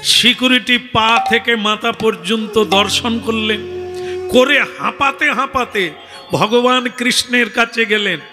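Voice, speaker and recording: A man's voice: very high voice, slow pace, long reverb tail, music in the background. A man telling a devotional story in kirtan style, dramatically voicing the characters. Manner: dramatic, switches between voices of characters.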